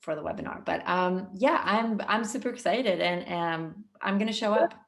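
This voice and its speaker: A woman's voice: medium pitch, moderate pace, a bit bright. A woman from Sweden joining a webinar, speaking hesitantly with many fillers and eager enthusiasm. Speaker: webinar participant. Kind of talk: casual chat.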